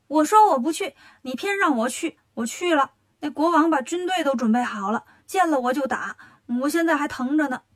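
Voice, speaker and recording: A woman voicing a cheeky, cocky monkey king in a children's storybook tale, talking briskly. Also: sits high. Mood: complaining.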